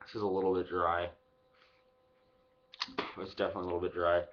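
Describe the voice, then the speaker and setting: A man in his twenties speaks in a fairly low voice with his lip packed full of dip. He rambles casually and swears freely, as in a homemade product review. The sound is slightly dull and lo-fi, picked up by a webcam microphone. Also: little pitch movement, fairly quick. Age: 20s. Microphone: webcam microphone at arm's length.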